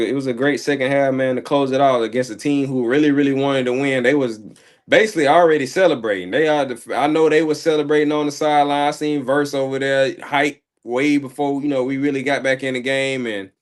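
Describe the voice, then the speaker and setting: A man co-hosting a sports show, casually recapping a football game in a rambling, slangy way, his throat slightly hoarse. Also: medium pitch, a little fast. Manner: rambling, slangy, repeats words and fillers.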